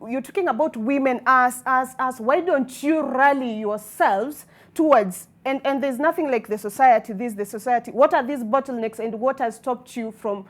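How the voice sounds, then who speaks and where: High-pitched Kenyan woman, emphatic debater. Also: moderate pace, hardly any pauses, a little hiss or hum. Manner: emphatic, argumentative, formal wordy vocabulary. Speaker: debate panelist on a TV talk show. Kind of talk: opinionated debate.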